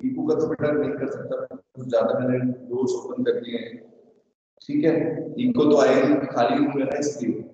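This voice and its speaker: A man's voice: mid-range voice, steady tone, normal speed, dark tone, slight background noise. A male teacher in an online class, quizzing his students in sing-song prompts, his voice carrying the heavy echo of a big empty room. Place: large empty room with doors open. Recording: echoey empty hall, distant dull mic.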